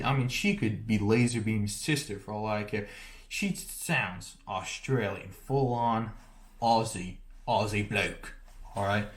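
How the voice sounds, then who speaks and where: A man giving a joking, mock-serious conspiracy rant as a YouTuber, rambling and often restarting his sentences. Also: mid-range voice. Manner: rambling, self-interrupting, half-joking deadpan.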